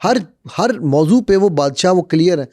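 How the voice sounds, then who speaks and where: On a podcast, an animated man who speaks on conflict management tells stories with gusto and acts out the quotes. His voice is high, and the studio-quality recording has no room sound at all.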